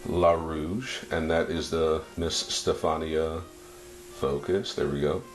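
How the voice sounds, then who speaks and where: A man giving casual unboxing commentary as a fragrance reviewer, laid-back and approving, thinking aloud in short, halting phrases. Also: rumbling low, level tone, faint music behind.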